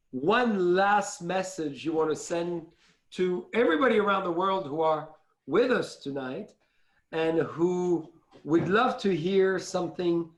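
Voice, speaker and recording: Male host: effusive, gracious, higher pitch, roomy stream sound. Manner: effusive, gracious, slow deliberate questions. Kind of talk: live-stream interview.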